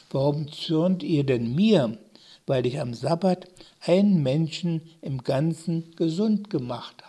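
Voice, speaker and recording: Calm earnest male teacher, slow and measured, bit husky, man reading him out. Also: on the high side. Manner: slow, measured delivery with long pauses. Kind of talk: scripture reading.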